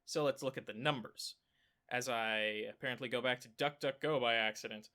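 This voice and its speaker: A man with a clogged nose talking through election maps for his own channel in a casual way, thinking aloud with many fillers and self-corrections and breaking into excited exclamations. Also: medium pitch, normal speed. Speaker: political commentary YouTuber. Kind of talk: casual screen-share analysis.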